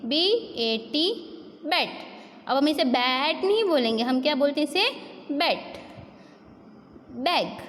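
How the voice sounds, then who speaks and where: Brief: Indian woman kindergarten teacher, high voice, echoey room with faint noise, spells out letters patiently. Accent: Indian English. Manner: slow, patient, spells out letters and quizzes pupils. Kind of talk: classroom phonics lesson.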